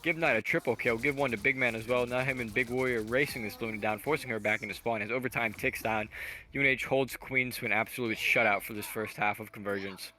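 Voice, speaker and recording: A man doing fast play-by-play commentary on a college esports match, rattling off calls at an auctioneer's pace. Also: mid-range voice, steady tone, pushed and bright. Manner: rapid-fire play-by-play, self-described auctioneer pace.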